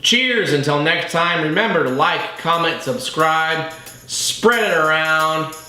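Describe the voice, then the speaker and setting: Guy doing a casual movie review, swears a ton, slangy excited fan, echoey room. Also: a little high, takes it slowly, music in the background. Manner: profane, slangy fan enthusiasm. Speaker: co-host of a movie review show.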